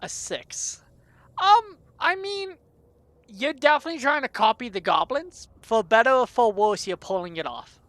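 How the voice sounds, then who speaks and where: A woman's voice: fairly high pitch, expressive, normal speed, fairly bright tone, no echo. A woman narrating as dungeon master, chatty and loose, with frequent laughs and fillers. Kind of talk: narrating a tabletop game.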